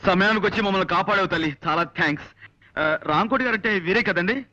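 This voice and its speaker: A man's voice: high-pitched, quick pace. An actor playing a polite young man who grows exasperated while searching for someone. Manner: polite but exasperated, shouts to be heard by the deaf man. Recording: dull lo-fi film soundtrack.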